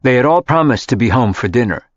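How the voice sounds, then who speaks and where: Male narrator, mid-pitched, steady audiobook read, dry lo-fi sound. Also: quick pace, no room sound. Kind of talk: scripted narration.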